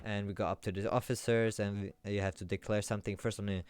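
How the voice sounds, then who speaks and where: A man's voice: fairly low pitch, level tone, fast talker, darkish tone, smooth. A man streaming live, telling a rambling story to his chat with lots of restarts that builds up as he goes. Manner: rambling, with many restarts, growing more worked up.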